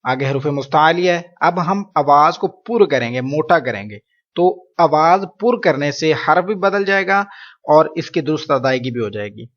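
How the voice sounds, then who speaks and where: A man teaching Quran reading, slowly modeling each letter sound and then explaining it. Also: fairly high pitch, lively intonation, fairly bright tone, muffled recording. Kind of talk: teaching Arabic letter pronunciation.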